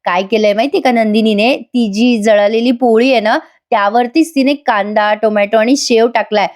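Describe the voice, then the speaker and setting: A woman's voice: on the high side, steady tone, normal speed, darkish tone. A woman narrating a voice-over recap of a TV serial, chatty and speaking straight to viewers. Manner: chatty, addresses viewers directly.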